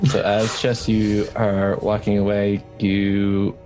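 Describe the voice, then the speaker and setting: A man running a tabletop game, narrating each scene in a loose, filler-laden way. His voice is low and mellow, with faint music playing underneath. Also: completely flat delivery, slow. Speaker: game master.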